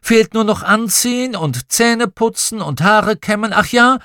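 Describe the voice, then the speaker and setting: A man voicing a cheerful, busy mother of three in a children's audiobook, speaking in a brisk, teasing, motherly way. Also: sits high, expressive, bright, forceful tone, smooth, no echo, studio quality, pitched above the performer's own voice, exaggerated voice.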